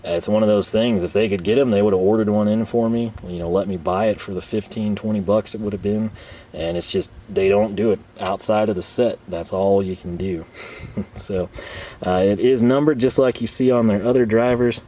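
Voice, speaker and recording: This man speaks at a moderate pace in a steady, mellow voice on the low side, hosting a casual, unplanned review for his tool channel. The talk is rambling and conversational with some self-deprecation, and his voice is tired, starting to give out.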